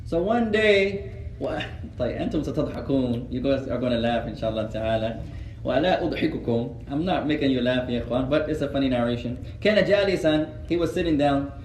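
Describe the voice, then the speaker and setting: A man's voice: mid-range voice, animated, quick pace, a little mellow, reverberant, far from the mic, slight background noise, poor audio. An American man giving an earnest religious lesson, repeating words for emphasis and mixing in Arabic phrases. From United States. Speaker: Islamic teacher.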